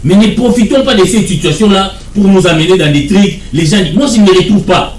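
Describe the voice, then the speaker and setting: A man's voice: high-pitched, fast, echoey room, far from the mic. A man, arguing as a guest in a televised political debate, insistent and repeating his points. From Democratic Republic of the Congo.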